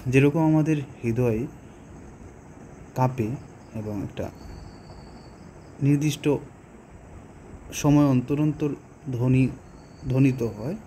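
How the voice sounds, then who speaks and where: A man with a Bengali accent explaining a poem to students, slowly and patiently, with pauses and rhetorical questions. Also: mid-range voice, dark tone, slight background noise. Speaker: teacher. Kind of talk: poetry lesson explanation.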